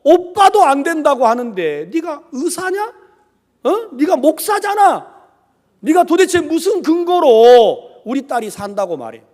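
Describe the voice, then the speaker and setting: A male pastor voicing an angry, grieving middle-aged father who shouts at him. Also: sits high.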